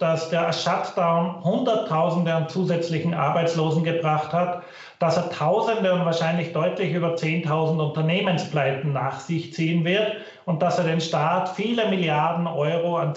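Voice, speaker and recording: Echoey, muffled streamed man, higher-pitched. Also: normal speed. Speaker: guest expert, finance professor. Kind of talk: explanatory interview commentary. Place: recorded remotely over online stream. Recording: low-quality online stream, muffled, very echoey.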